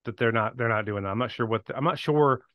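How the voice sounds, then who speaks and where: Steady-voiced man, dry close sound. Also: medium pitch, fast, no echo, muffled recording. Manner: steady, agreeing, asks questions. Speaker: co-host. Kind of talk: casual commentary on a video.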